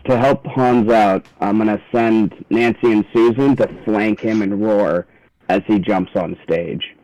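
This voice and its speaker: A man's voice: fairly low pitch, steady tone, a little slow, a little mellow, low-quality recording. A man speaking casually as a player in a tabletop game. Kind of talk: casual chat.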